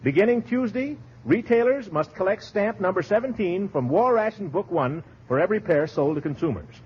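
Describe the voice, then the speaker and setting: Man, vintage 1940s radio broadcast, high lively announcer voice, very husky, dull lo-fi sound. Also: brisk. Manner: crisp, emphatic announcer delivery. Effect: old 1940s radio broadcast recording. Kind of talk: formal wartime radio news bulletin.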